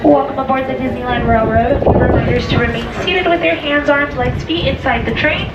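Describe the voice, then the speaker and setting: A woman giving a recorded, formal, instructive safety announcement over an outdoor train loudspeaker. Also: steady tone, a little fast. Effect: played over an outdoor train loudspeaker. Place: open-air train at a theme park. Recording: echoey, distant, dull loudspeaker over loud train noise. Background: loud rumbling train noise.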